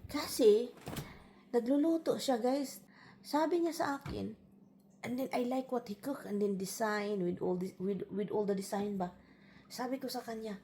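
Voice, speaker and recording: Gravelly Filipino woman chatting to viewers. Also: medium pitch, warm tone, a little hiss or hum. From Philippines. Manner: chatty, addresses viewers as guys, mixes in English; laughs while telling a story. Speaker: vlogger. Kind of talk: casual chat to viewers.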